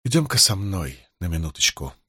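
A man's voice: sits low, sing-song, brisk, sharp tone, husky, dry recording, studio quality, pitched below the performer's own voice, heavily acted. A man voicing a stern young village wisewoman who speaks in a clipped, precise way. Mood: dry.

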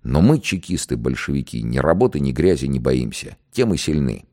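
A man's voice: extremely low pitch, very animated, brisk. A man voicing a domineering secret police interrogator. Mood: contemptuous. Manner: sharp, domineering. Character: cold menacing male secret police interrogator. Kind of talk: dramatized reading of a dialogue.

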